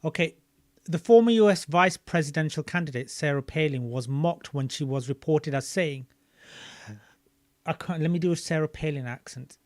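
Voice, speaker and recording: A man's voice: fairly high pitch, moderate pace, no echo. Give me a man chatting loosely as he reads, with a dry, close sound. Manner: thinking aloud while searching maps and videos, loose and chatty. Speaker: streamer reading a book aloud. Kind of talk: casual reading and commentary.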